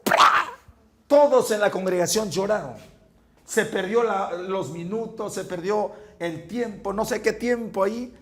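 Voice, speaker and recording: A male pastor preaching a fervent sermon, moving from hushed storytelling to shouted points and often repeating words. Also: sits high, unhurried. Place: church.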